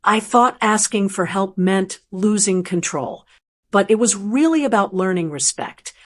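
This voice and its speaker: A woman's voice: medium pitch, animated, unhurried. A woman voicing an adult daughter-in-law who is humbled and sincere, in a storybook narration.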